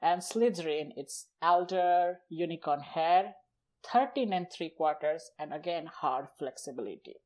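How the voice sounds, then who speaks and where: On a podcast, a man whose first language is Gujarati chats in an Indian accent, unhurried, with a darkish tone and a voice on the high side. His explanations come in brief fragments and lists, with sentences that tend to trail off.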